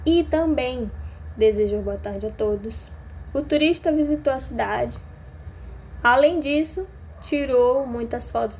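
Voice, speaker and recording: A woman's voice: on the high side, a little mellow, a little hiss or hum, rough recording. A woman teacher from Maranhão, Brazil, explaining a grammar lesson patiently to her students.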